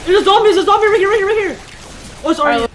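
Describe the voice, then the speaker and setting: A man's voice: very high-pitched, very fast, a loud crowd. A young man calling out in a panic for help during frantic multiplayer game chat. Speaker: gamer.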